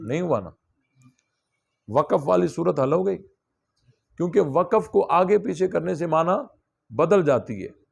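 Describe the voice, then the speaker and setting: A male religious teacher gives a classroom lesson, working through a scripture point by point. His voice is strongly gravelly and sits somewhat high. He keeps turning to his students with questions to check they follow. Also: expressive, long pauses. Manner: explains step by step, asks students questions.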